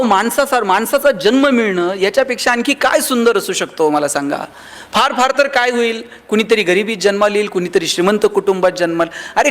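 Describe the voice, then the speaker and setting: Before a live audience, a male motivational speaker tells funny stories and imitates the voices of their characters. His voice sits high, with a fairly bright tone.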